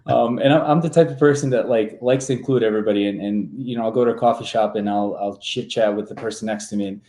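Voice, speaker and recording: A man in his twenties from Serbia, a real estate agent talking as a guest in a relaxed, easygoing way, full of fillers and restarts. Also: fairly low pitch, quick pace, roomy sound. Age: 20s. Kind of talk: casual interview talk.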